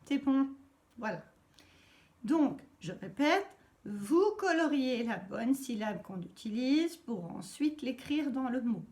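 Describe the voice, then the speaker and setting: Woman teacher, from France, slow and careful, step-by-step instructions for young children, slightly high voice. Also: very animated, darkish tone. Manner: slow, patient, clearly spelling out each step. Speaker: primary school teacher.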